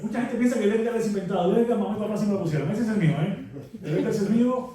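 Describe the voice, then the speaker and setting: A man, a novelist presenting his book, telling anecdotes in a relaxed way with lots of fillers. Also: high-pitched, racing, a crowd in the background. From Cuba. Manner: relaxed storytelling with frequent fillers. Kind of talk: anecdotal talk at a book launch. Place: book presentation venue, large room. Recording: very echoey room, mic far off.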